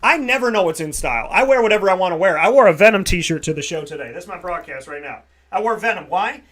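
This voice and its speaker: A man in his thirties with a high, bright voice delivers an emphatic motivational monologue as a talk show host. He hammers his points by repeating short phrases. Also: expressive, fast talker. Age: 30s.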